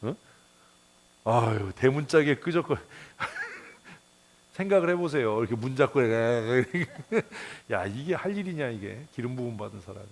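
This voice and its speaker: A male pastor preaching a Bible devotional in a blunt, colloquial way, firing rhetorical questions, muttering curses and chuckling, his pitch jumping up at times. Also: animated, measured pace. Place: church.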